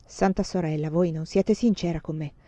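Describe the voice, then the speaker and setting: A woman reading aloud voices an anxious, commanding elderly nobleman who presses and shouts his demands. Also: lowish voice, steady tone, moderate pace, no room sound, lightly acted. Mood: suspicious. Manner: insistent, rising to shouted demands.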